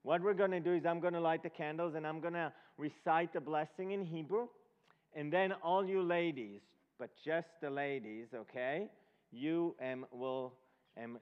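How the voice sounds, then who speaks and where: Slightly high with a clean tone, this man from Israel is the guest preacher at a Passover presentation. He teaches the congregation in halting fashion, asking questions to check on them, and the sermon was recorded lo-fi and dull in an echoing hall before an audience.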